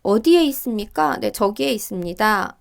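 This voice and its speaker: A middle-aged woman teaching Korean, working through reading test questions and reading the example dialogues aloud in a higher, livelier voice. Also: animated, moderate pace, gravelly. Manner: thinks aloud with fillers and small laughs.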